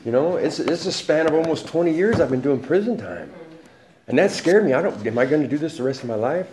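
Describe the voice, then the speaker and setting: This man in his forties has a fairly high, darkish voice with lively intonation and a brisk pace. He relates his life story in casual street slang, often laughing mid-sentence, in an echoey room with background noise.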